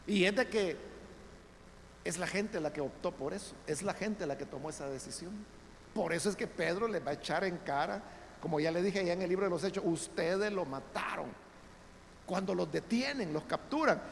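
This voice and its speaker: A man pastor, giving a conversational Bible study sermon in a church, often calling listeners brothers and building to loud emphatic peaks. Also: high-pitched, vocal fry. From El Salvador. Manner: conversational preaching, addresses listeners as brothers, frequent tag questions. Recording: reverberant church hall, faint background noise.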